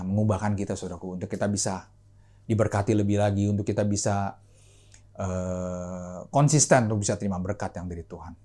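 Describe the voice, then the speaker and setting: A man serving as pastor, preaching with rising emphasis and then leading a steady prayer, often calling out to his listeners and to God. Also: on the low side. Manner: animated preaching, often adding "saudaraku" and "gitu"; softer, steady prayer voice, repeating "Tuhan". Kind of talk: sermon and prayer.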